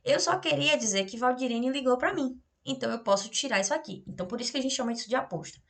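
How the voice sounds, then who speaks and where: A woman's voice: sits high, expressive, fast talker. Chatty woman teacher with Brazilian accent. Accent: Brazilian Portuguese. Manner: explains in a chatty way, with many tag questions and fillers; acts out example sentences with marked intonation. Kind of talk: remote adult-education grammar lesson.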